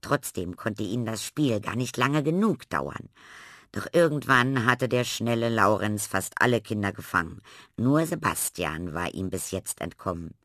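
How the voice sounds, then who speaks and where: A man narrating a children's storybook in a lively, expressive way. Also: on the low side, normal speed, no room sound, studio quality.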